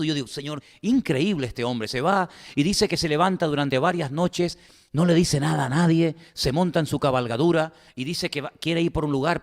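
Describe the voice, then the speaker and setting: A male pastor delivering an animated, conversational sermon to his congregation, full of rhetorical asides. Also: mid-range voice, big-room sound. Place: church.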